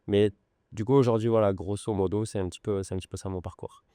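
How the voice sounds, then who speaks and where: A man in his forties from France with a Lyon accent, an interview guest telling his story in an unhurried, hesitant way. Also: fairly low pitch, steady tone, warm tone, clean tone, dry recording, studio quality. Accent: French, from Lyon. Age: 40s. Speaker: podcast guest, luxury goods broker. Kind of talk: conversational interview. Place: podcast studio.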